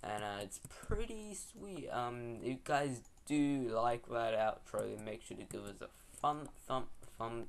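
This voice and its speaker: A man's voice: mid-range voice, animated, a little slow, vocal fry, few pauses. A young man giving casual, rambling, slangy gameplay commentary as a video host.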